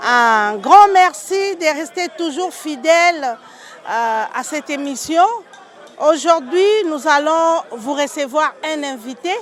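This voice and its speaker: A woman's voice: high-pitched, takes it slowly, a bit bright. A Congolese woman hosting a talk show interview, switching between French and Lingala as she asks questions. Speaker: host.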